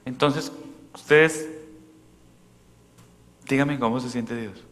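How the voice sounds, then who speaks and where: Priest preaching in a reverberant church. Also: male voice, medium pitch, slow. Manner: questions the congregation directly, shifting from loud to soft.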